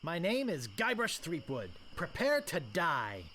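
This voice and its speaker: Eager young pirate wannabe, bouncy lively voice, game character. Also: male voice, on the high side, a little slow, noisy background. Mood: taunting. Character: young male wannabe pirate hero, earnest. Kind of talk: video game voice acting.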